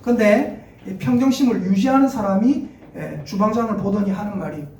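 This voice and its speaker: A man's voice: high voice, normal speed, dull audio, a little hiss or hum. A middle-aged male pastor preaching a sermon, telling funny stories and asking the congregation questions. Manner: lively, humorous storytelling with laughs and audience questions. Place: church sanctuary. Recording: echoey church hall from far off.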